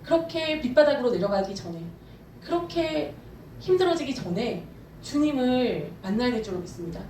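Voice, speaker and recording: A high-pitched woman pastor delivers a fervent, emphatic sermon, pressing her points with sudden bursts of speed. She is heard from a distance in a roomy church hall with a faint hum of ambience behind her. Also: very animated, normal speed, darkish tone. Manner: fervent, emphatic preaching with shifts in pace. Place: church sanctuary. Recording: echoey church hall, from far off.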